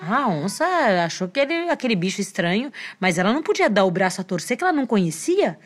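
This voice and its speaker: A woman with a Brazilian accent telling stories to children in a playful, expressive, inviting fireside storytelling manner. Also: medium pitch, quick pace. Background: music.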